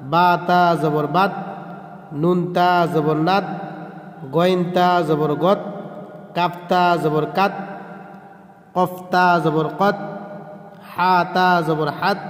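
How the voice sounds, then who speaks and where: Guy teaching reading, high voice, slow sing-song drills, echoey room with long reverb. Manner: slow rhythmic chanting drills. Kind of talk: drilling letter pronunciation.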